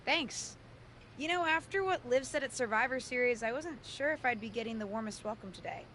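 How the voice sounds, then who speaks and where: An earnest rookie wrestler girl in a game, bright clear voice, calm and plain. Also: a little high, brisk, a little hiss or hum. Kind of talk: video game dialogue.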